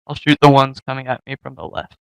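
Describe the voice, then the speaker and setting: A man playing a tabletop game, plainly declaring his moves and asking what is going on around his character. His mid-range voice is smooth and resonant, recorded dry and close. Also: mid-range voice, little pitch movement, brisk, no echo, poor audio. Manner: asks questions, declares actions plainly. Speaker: player.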